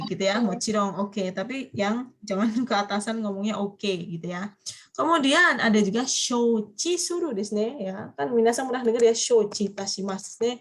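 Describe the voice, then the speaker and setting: A woman teaching a university Japanese class online, prompting students to finish each phrase. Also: fairly high pitch. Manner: coaxing students to complete phrases. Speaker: Japanese language lecturer.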